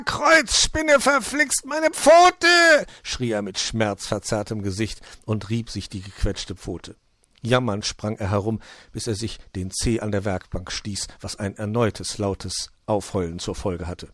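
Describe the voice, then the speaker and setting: A man narrating a children's story in a lively reading manner. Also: fairly low pitch, measured pace, dry recording, clean studio sound. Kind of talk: scripted narration.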